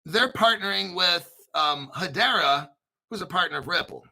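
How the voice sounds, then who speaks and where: A man hosting an informal crypto commentary, talking through articles in an excitable, sarcastic way, swearing and often clearing his throat. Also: high-pitched, normal speed, low-quality recording. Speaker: crypto video host.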